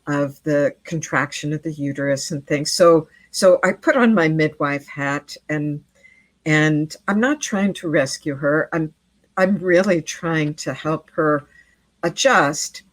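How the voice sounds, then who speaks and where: Woman, middle-aged, deep low voice, earnest, repeats herself, dry close recording. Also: slow pace, dry recording. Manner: earnest, repeats words while telling a story. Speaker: interview guest, midwife. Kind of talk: storytelling in a podcast interview.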